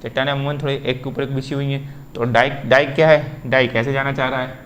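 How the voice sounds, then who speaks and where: A man's voice: mid-range voice, little pitch movement, quick pace, fairly bright tone, slight background noise. A male teacher giving a lesson, explaining step by step and often asking a question and then answering it himself. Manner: repetitive, asks and answers his own questions. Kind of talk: explaining at a whiteboard.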